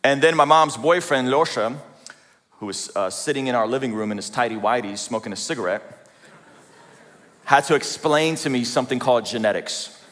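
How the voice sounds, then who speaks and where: A man in his forties from Azerbaijan shares a joking, self-deprecating story with a live audience. His voice sits at a middle pitch. It carries a long reverb from a large hall. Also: animated, moderate pace, fairly bright tone. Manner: conversational, self-deprecating, asks the audience questions. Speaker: speaker at a church event. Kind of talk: humorous personal testimony talk.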